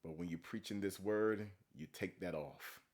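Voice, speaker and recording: Man, very low voice, blunt reaction commentary, profane, preachy. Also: moderate pace, a little mellow. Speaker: commentary video host.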